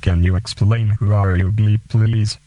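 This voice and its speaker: Radio host, slow and deliberate, dark low voice. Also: male voice, fairly even intonation, dull audio. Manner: slow, deliberate, halting phrasing. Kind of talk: radio show with poetry reading.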